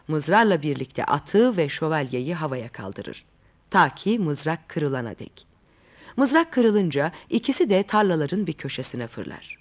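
A narrator telling a classic tale in a lively, inviting way. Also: medium pitch. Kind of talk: storybook narration. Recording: dull lo-fi recording.

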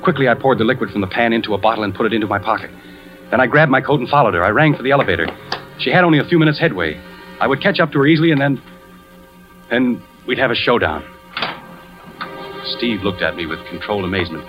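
Medium-pitched with lively intonation, this natural-sounding male voice moves quickly and pauses often. An American actor plays an anguished, suspicious husband who is an insurance investigator, narrating in first person with brooding tension, 1940s radio drama style, on a dull recording with music.

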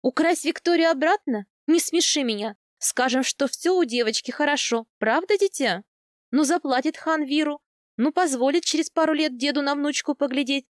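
A woman voicing a bold, brisk noblewoman in an audiobook, dismissive and quick. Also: high-pitched, no echo, studio quality, pitched above the performer's own voice, lightly acted. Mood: mocking, brisk.

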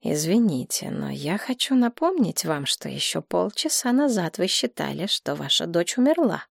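Woman voicing a quiet, formal male lawyer. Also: fairly low pitch, very animated, normal speed, creaky, slightly rough, dry recording, studio quality, full character voice.

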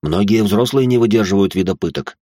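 A man's voice: fairly low pitch, brisk, dark tone, breathy edge, no room sound, clean studio sound. Man voicing a weary Swiss mercenary. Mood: concerned. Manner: respectful, weary. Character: huge calm Swiss male mercenary bodyguard.

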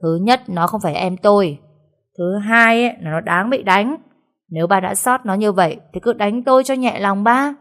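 A woman's voice: on the low side, animated, normal speed, lightly acted. A woman voicing a rebellious, blunt young master in a storybook reading, speaking curtly and defiantly. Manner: blunt, sneering.

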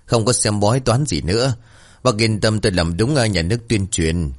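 Man doing a cranky old ex-shaman, low voice, cussing and scolding. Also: normal speed, lightly acted. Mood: mocking. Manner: gruff, scolding, swears. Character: gruff old male ex-shaman, short-tempered.

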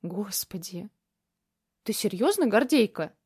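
A woman's voice: fairly high pitch, moderate pace, a little mellow, dry recording, close to an everyday voice. Woman voicing a weepy, loving grandmother, slightly raised voice, dry studio sound. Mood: emotional. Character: tearful loving grandmother in a wheelchair.

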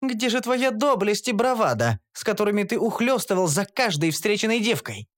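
A man's voice: high voice, animated, quick pace, voice pushed up. A man doing a scornful young elf woman. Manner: cutting, insulting. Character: sharp-tongued scornful young female elf. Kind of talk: audiobook character voice.

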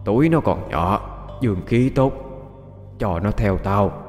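A man puts on a sneering evil tree spirit from a spoken ghost story, low-pitched and slow. It drawls its words with creepy, taunting laughter. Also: lively intonation, darkish tone, big-room sound, soft background music. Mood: menacing. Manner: slow, mocking, with eerie laughter.

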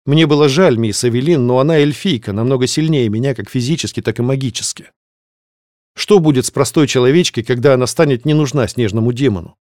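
A man reading a fantasy novel aloud as scripted narration, in a measured, steady way. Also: medium pitch, dry recording, clean studio sound. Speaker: audiobook reader.

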